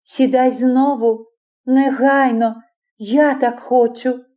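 A woman's voice: high-pitched, steady tone, takes it slowly, warm tone. A woman reading the part of a passionate young woman who turns from imperious to pleading, in an audiobook.

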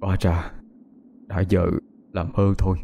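A man voicing an older grieving father who speaks haltingly. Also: low voice, level tone, dark tone, slight background noise. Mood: weary. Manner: halting, hesitant with many "ờ". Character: older grieving father, shaken, plain-spoken.

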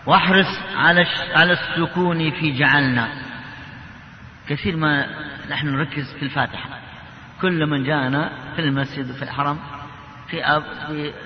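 A man teaching the rules of Quran recitation, explaining patiently and chanting example verses slowly. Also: a little high. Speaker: tajwid teacher. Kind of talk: classroom lesson on Quran recitation. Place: mosque. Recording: echoey, dull, slightly noisy hall recording.

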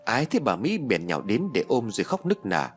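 A man narrating a ghost story audiobook in an expressive reading voice, voicing all the characters. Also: on the low side, fairly quick, slightly rough, faint music behind. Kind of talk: scripted narration.

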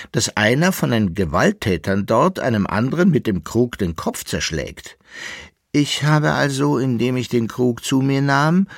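A man's voice: mid-range voice, no room sound, clean studio sound, pitched above the performer's own voice. A man voicing a sly, rhyming old rogue in an audiobook. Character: boastful scheming old male drinking companion.

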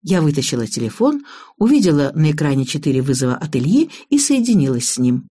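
A woman narrating an audiobook in the first person, in a lively, expressive way. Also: low voice, fast, breathy edge.

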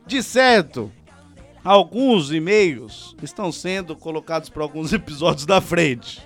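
A high-pitched man with a Brazilian Portuguese accent hosts a rowdy comedy podcast. He talks loudly and teases his co-hosts, with frequent bursts of laughter. Faint music plays underneath. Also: expressive, unhurried. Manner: loud, laughing, teasing. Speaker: podcast host. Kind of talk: casual comedy podcast chat.

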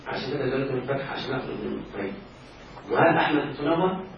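An Egyptian-accented man runs an Arabic grammar lesson, repeatedly asking his class if they understand. His mid-range voice is gravelly and expressive, and he races along. The audio comes from a distant mic in a very reverberant room, sounding dull with slight hiss.

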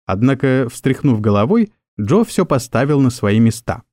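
A man narrating an audiobook story in an expressive storytelling manner. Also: medium pitch, normal speed, dry recording, clean studio sound. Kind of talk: scripted narration.

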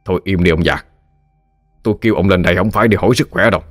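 Hot-headed boastful exorcist, a male narrator doing him, very low, dry close audio. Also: very fast, no echo, soft background music. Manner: swaggering, scolding, cursing.

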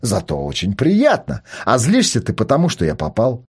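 A man reading a novel aloud, voicing a provocative adult son who needles and shouts at his father. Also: mid-range voice, huge pitch swings, normal speed, husky, heavily acted. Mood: needling. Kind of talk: audiobook character voice.

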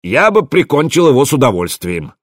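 A man plays a bloodthirsty Viking warrior in a storybook reading. He boasts loudly in a close, dry sound. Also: mid-range voice, very animated, fairly quick, no room sound, pitched above the performer's own voice. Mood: boastful. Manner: loud, boastful.

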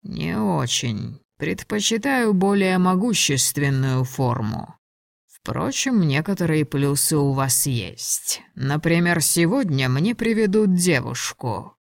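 A woman's voice: sits low, lively intonation, takes it slowly, vocal fry, no room sound, clean studio sound, exaggerated voice. A woman voicing a sardonic male dragon lord in human form, teasing and cold, in an audiobook. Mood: mocking. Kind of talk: audiobook dialogue reading.

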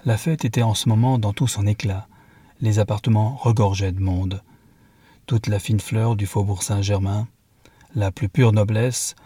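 A man reading a classic novel aloud as an audiobook narrator, in a measured manner. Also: fairly low pitch, dark tone, slightly rough, dry recording. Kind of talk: scripted narration.

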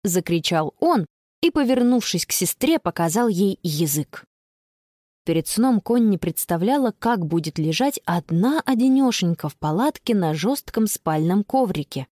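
A woman narrating a children's audiobook with expressive storytelling. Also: medium pitch, normal speed, dry recording, studio quality. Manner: expressive storytelling, bright voice for the girl. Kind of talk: scripted narration.

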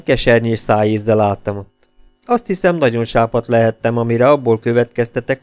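A man narrating an audiobook in a steady storytelling manner. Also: medium pitch, dry recording. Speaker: audiobook reader.

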